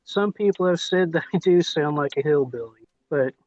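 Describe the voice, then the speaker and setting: A man's voice: on the high side, normal speed, a little mellow, dry recording. Man with hillbilly twang, lo-fi sound. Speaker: podcast co-host. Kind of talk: casual chat. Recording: dull, lo-fi voice line.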